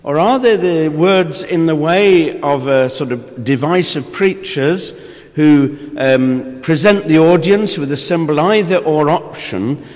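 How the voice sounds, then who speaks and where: A man preaching and reading scripture as a priest, with a measured, solemn delivery in a large echoing church. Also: fairly high pitch, a little mellow. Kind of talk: Gospel reading and homily. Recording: long cathedral echo, reverberant church.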